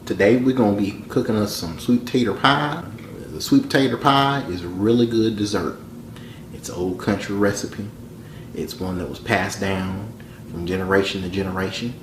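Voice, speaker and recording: A man putting on a Southern drawl to play a folksy country cook giving a joking cooking lesson in a deadpan way. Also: on the low side, moderate pace, natural voice. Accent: put-on Southern US drawl. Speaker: home cook. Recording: echoey room with faint noise.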